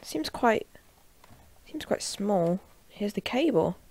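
A woman at her desk at home, casually talking through a product unboxing and gameplay, chatty and offhand, breaking into loud shouts while gaming. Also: mid-range voice, animated, slow. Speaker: tech reviewer and gamer.

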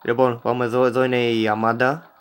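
A man's voice: medium pitch, little pitch movement, smooth, soft background music. A young man giving casual let's-play commentary, joking and talking back to the characters on screen. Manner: joking, talks to game characters. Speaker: gameplay commentator.

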